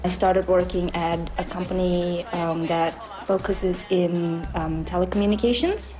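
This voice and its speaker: A young woman from Indonesia tells her own story in a chatty, slightly hesitant way. Her voice sits fairly low for a woman, and soft music plays behind her. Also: steady tone, measured pace. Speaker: featured resident. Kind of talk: personal documentary interview.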